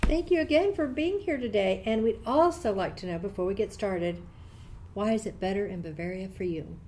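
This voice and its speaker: A woman's voice: medium pitch, moderate pace, a little mellow, a little hiss or hum. An American woman co-hosting a podcast for a public affairs office, speaking in a cheerful, friendly way. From United States. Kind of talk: podcast interview.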